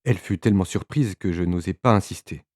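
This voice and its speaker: A man narrating a literary audiobook in a measured way, with occasional small hesitations. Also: low voice, darkish tone, no echo, studio quality.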